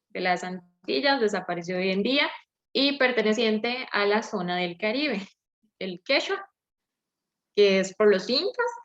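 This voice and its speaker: A young woman with a Latin American Spanish accent giving a hesitant class presentation, with many fillers. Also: mid-range voice. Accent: Latin American Spanish, seseo. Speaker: student presenter. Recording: dull lo-fi audio.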